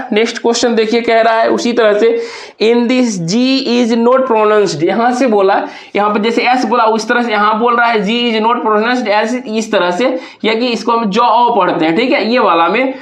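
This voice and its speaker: A man's voice: very high-pitched, fairly even intonation, moderate pace, roomy sound. A male teacher giving an exam prep lesson, explaining step by step and spelling words out letter by letter while asking and answering his own questions.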